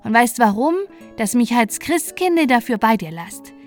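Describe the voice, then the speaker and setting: A woman's voice: fairly high pitch, very animated, a little slow, faint music behind. A woman voicing a cheeky little peasant boy who chatters boastfully in dialect. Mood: chirpy.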